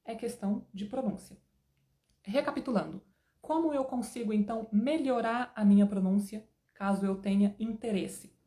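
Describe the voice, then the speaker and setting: A woman's voice: a little high, normal speed, warm tone, roomy sound. A woman with a Brazilian Portuguese accent giving an online English lesson, explaining patiently with opinionated asides. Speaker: English teacher.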